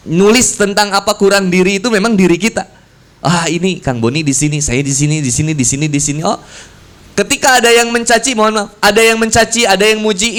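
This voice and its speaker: A man preaching to young people with a lilt and a strikingly high voice. He talks in a loose, slangy way and keeps acting out little voices and scenes to make his points. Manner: lively, slangy, acts out voices. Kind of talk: casual youth sermon.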